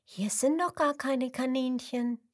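Lisa, a woman doing a bright little fox girl. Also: sits high, takes it slowly, dry recording, studio quality, pitched above the performer's own voice. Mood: eager. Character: little girl fox, wide awake and sleepless.

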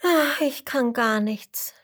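A woman's voice: medium pitch, animated, measured pace, husky. A woman voicing a young female hippo who believes she is a horse, speaking plaintively and often half-whispered, in a storybook read-aloud. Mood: sad.

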